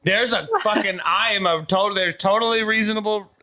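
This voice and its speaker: A man co-hosting a casual watch-along podcast, excitable and swearing freely. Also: high voice, brisk. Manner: excitable, swears freely, talks over others. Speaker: podcast co-host. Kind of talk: casual chat.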